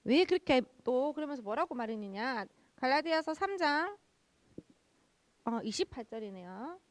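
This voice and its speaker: A young woman pastor giving a children's sermon, lively, asking the kids questions and answering them herself. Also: high voice, normal speed, no room sound.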